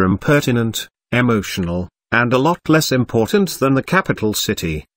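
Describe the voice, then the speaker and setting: A man reading a nonfiction audiobook in a measured, even narration. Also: mid-range voice, dry recording, studio quality.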